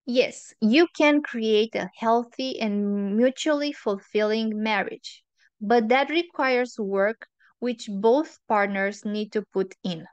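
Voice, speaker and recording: A woman hosting a relationship advice monologue, earnest and opinionated, laying out her points in measured lists. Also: fairly high pitch, no echo, muffled recording.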